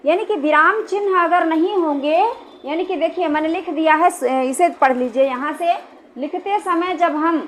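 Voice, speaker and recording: A woman with a high, light voice teaches a grammar lesson. She talks patiently, repeats her points and keeps checking that her listeners follow. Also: normal speed, a bit bright, a little hiss or hum. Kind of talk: explaining a Hindi grammar lesson.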